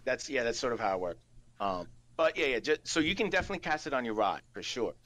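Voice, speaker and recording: A man improvising narration as game master of a tabletop game, halting and thinking aloud as he goes. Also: mid-range voice, very animated, fairly bright tone. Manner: hesitant, halting, piecing rules together aloud.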